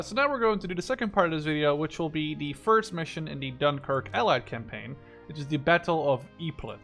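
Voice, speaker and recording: Thinking out loud as he plays, a gaming video host from the Netherlands, in his twenties, offers relaxed, informal commentary. His voice is on the high side, creaky and fairly bright.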